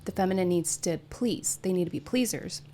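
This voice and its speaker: Calm, fairly low woman, faint room noise. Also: brisk. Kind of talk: casual group discussion.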